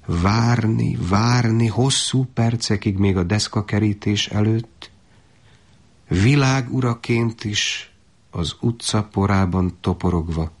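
A man reading a literary story aloud in a measured, solemn way. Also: on the low side. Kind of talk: literary narration.

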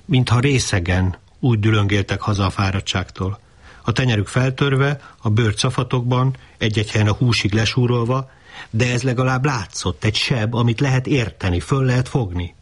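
A man reading his own novel aloud in a measured, wry narrating voice. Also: mid-range voice, husky. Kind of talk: audiobook reading.

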